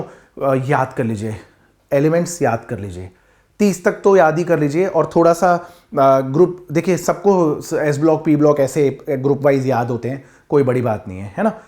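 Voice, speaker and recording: A man teaching chemistry to students in a classroom, talking to them directly in a lively lecture. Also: on the high side. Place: classroom with board.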